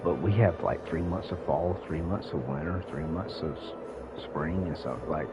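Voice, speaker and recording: A man in his late 40s from South Carolina, United States, rambles casually on a gaming livestream, speaking directly to his viewers. His voice is very deep and his pace measured. The recording is low quality, with music playing behind him.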